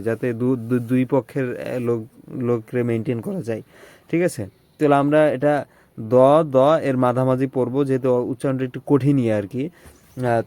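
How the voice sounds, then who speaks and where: Guy teaching arabic letters one syllable at a time, drills them over and over, steady mid voice. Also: medium pitch, no echo. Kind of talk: letter-by-letter pronunciation lesson.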